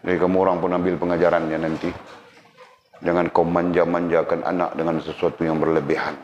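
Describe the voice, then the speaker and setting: Deep-voiced religious teacher. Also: male voice, brisk. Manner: teasing, animated, addresses audience directly. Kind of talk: religious lecture with Q&A. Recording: roomy, dull lo-fi, faint background noise.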